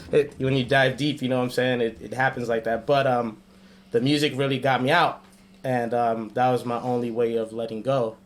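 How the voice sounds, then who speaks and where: A man's voice: medium pitch, a little hiss or hum. A man, a rapper and podcast regular, talking loosely in a casual podcast chat and laughing between phrases.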